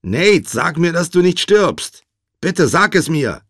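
A man voicing a worried man on a phone who shouts and pleads urgently. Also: mid-range voice, sing-song, a little slow, no room sound, studio quality, voice pushed up. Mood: frantic.

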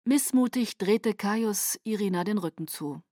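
A woman narrating a novel in first person, measured and dramatic, close to the mic. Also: mid-range voice, dark tone, no echo. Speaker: audiobook narrator.

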